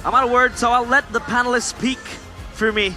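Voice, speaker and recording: A man casting an esports match, excitable and breathless. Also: very high-pitched, brisk, faint music behind. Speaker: esports caster. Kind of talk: play-by-play commentary.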